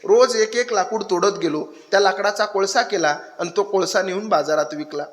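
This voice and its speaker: A man's voice: high-pitched, moderate pace, close to an everyday voice. A man putting on the voice of a humble poor blacksmith answering a king. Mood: meek. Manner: meek, plain answers. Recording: echoey hall with loud crowd noise.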